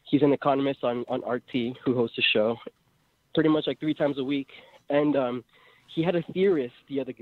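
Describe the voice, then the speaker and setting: A man in his twenties with a Mexican accent calls in to a live show by phone, rambling through his idea with lots of fillers. His mid-range voice is fairly quick, and the recording is dry and tinny over the phone line.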